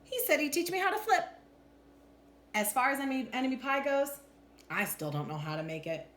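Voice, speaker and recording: In a high voice and at a fairly quick pace, a woman gives an expressive, teacher-like storybook reading, vividly acting out the lines. The echoey room carries faint background noise.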